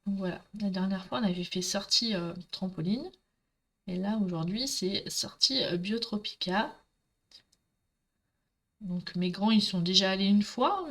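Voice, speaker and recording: A middle-aged woman with a Marseille accent, chatting with viewers while she demonstrates a craft project live. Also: mid-range voice. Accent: Marseille French. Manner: chatty, talkative, addresses viewers directly.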